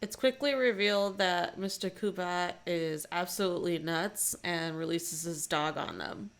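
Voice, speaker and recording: A young woman co-hosting a podcast, reviewing a movie in casual, animated chat and laughing often. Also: on the low side, measured pace. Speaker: podcast co-host.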